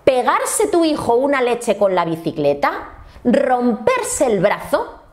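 A woman's voice: a little high, huge pitch swings, takes it slowly, a little mellow. A woman with an accent from Spain hosting an opinionated commentary, blunt and indignant, talking straight to her viewers. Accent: Spain Spanish. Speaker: commentary channel host.

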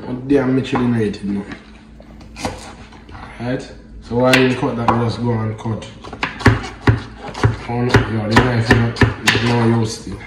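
A man's voice: medium pitch, little pitch movement, measured pace, long pauses. A man in his thirties from Jamaica with a Jamaican accent, hosting a casual cooking vlog in an easygoing, chatty manner. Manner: easygoing, chatty, patois-flavored banter. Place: home kitchen, indoors. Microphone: camera mic at a distance. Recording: roomy kitchen echo, distant mic, clear background noise.

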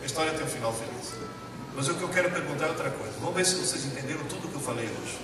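A man giving a talk on learning to a live audience, humorous and animated, often putting questions to the listeners. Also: a little high, rapid-fire. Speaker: speaker at an education talk. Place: large hall. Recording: echoey hall, distant mic, noisy.

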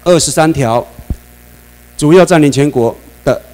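A man with a Taiwanese Mandarin accent giving a classroom lecture, animated, often asking the class questions and laughing. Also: a little high, a little slow, rough recording. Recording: mains hum under the voice.

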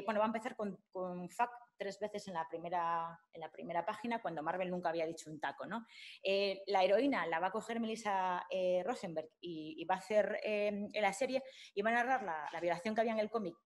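A woman lectures slides at a mid pitch. She talks informally, stopping and restarting often. The sound comes a lecture room. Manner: informal, many fillers and restarts. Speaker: lecturer at a summer course. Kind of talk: academic talk with slides.

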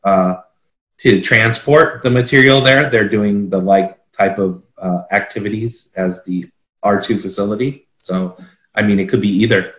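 A low-voiced man, a consultant, explains a standard by reading its requirements aloud, speaking a little slowly in a slightly bright tone. He's in a small indoor office on a video call, using the computer microphone, and the room echoes.

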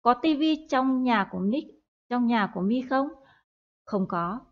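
A woman's voice: fairly high pitch, measured pace. A woman teaching English in a recorded online lesson, explaining in Vietnamese with hesitant fillers and repeating words for practice. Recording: dull lo-fi audio.

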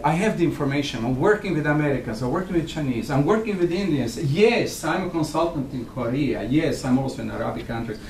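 A Croatian man in his sixties delivers an emphatic, provocative keynote lecture in accented English, pacing the stage and gesturing. His voice is on the high side. Captured from far off in a large conference hall, the recording is echoey with a noisy background.

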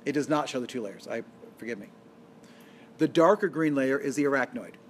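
A man's voice: fairly high pitch, slight background noise. Man lecturing on biology, quizzing his class. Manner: asks the class questions and answers them himself; explains step by step and corrects himself. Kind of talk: recorded lecture screencast.

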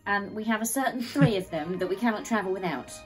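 A woman's voice: medium pitch, fast, faint music behind, rough recording. A British woman in her thirties chatting casually as a vlog co-host in her living room.

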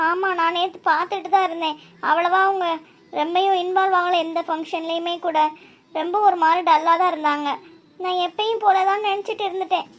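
A woman's voice: very high voice, steady tone, fairly quick. A woman voicing a comforting middle-aged aunt in a cartoon, speaking in a soothing, consoling way. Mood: worried. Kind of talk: cartoon voice acting.

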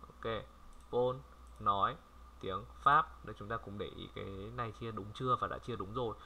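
A man from Vietnam giving a casual language lesson, chatty and repeating words slowly for viewers to copy. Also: on the low side, steady tone, vocal fry, bright, forceful tone, a little hiss or hum. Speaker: French language tutor. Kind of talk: casual screen-recorded lesson.

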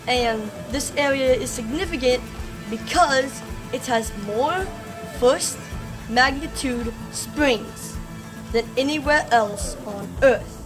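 Young woman chatting, music behind. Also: high-pitched. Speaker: channel editor. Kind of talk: casual intro to camera. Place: outdoors in woods.

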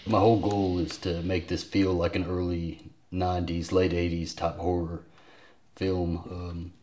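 A man's voice: deep voice, level tone, measured pace, dark tone, slight background noise. Young man rambling in a roomy room. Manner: rambling, laughs often, many restarts. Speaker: vlogger and filmmaker. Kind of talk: casual chat to camera.

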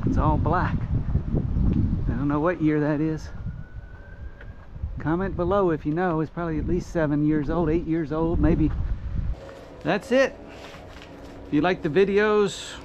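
A middle-aged man chatting casually as he walks residential streets, recorded on an action camera. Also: a little high. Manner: chatty, offhand remarks while walking. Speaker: walking vlogger. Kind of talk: casual walking commentary. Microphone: action camera held or worn. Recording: dull lo-fi outdoor audio with traffic noise. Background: street and traffic noise.

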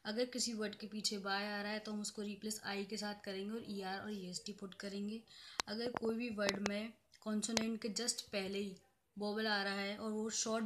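A woman professor teaching a grammar lesson in a measured, even way. She walks through each rule step by step, drawing out the examples and saying them over again, with English terms mixed into her explanation. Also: medium pitch, noisy background. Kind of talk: grammar lecture.

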